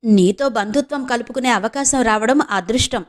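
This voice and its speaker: A woman's voice: on the high side, moderate pace, close to an everyday voice. A woman voicing an affectionate, talkative older grandmother in a storybook reading. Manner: affectionate, coaxing.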